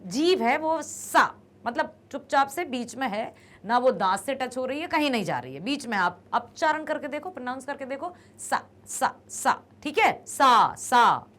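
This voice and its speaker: A woman teaching a grammar lesson, explaining patiently and repeating each word slowly. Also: high-pitched, sing-song.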